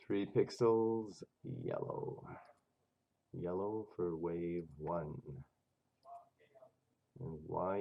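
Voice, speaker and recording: A man hosting a trading channel, talking casually over charts in a rough, stuffy voice from a cold, chatty and thinking aloud. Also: low-pitched, lo-fi sound. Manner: chatty and self-interrupting, talks to himself over charts. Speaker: forex trading channel host. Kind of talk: casual screen-share chart commentary.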